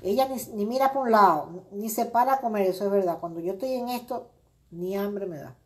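Speaking fast in a slightly high voice, a middle-aged woman hosts a crafting livestream. She chats casually, rambling and filling pauses, and says hello to viewers by name.

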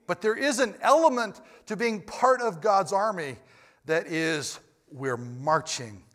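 A man preaching a sermon in a church, moving between quiet, close talk and loud, emphatic bursts, with frequent restarts and repeated words. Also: sits high, expressive, measured pace. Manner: swings from loud emphatic shouts to quiet near-whispers. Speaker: pastor. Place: church sanctuary.

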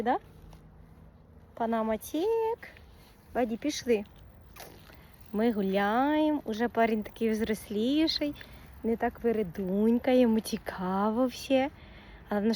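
A woman's voice: on the high side, darkish tone, a little hiss or hum. A young woman vlogging casually as a mother, chatting to the camera and cooing to her baby. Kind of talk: casual daily vlog.

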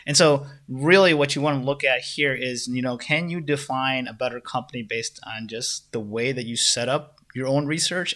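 Young male host, bright tone, loose rambling delivery full of fillers, casual market talk. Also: medium pitch. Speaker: stock market video host. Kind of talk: casual stock analysis talk.

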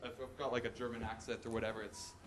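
A young man gives a loose, joking tech talk into a podium microphone in a conference hall, amid whoops and laughs. He talks fast in a mid-range voice with flat delivery, and there's slight background noise.

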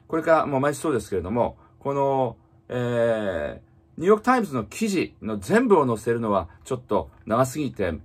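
Husky guy giving a chatty english lesson, voice bounces up and down a lot, lots of um and uh. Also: mid-range voice. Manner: reads English slowly, explains in Japanese with many fillers. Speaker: English teacher. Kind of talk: casual spoken lesson.

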